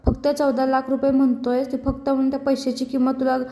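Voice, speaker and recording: A woman's voice: sits high, completely flat delivery, fast, dark tone, close to an everyday voice. A woman voicing a stern middle-aged mother who firmly scolds her son, recorded in an echoey room. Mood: scolding. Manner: scolding, firm.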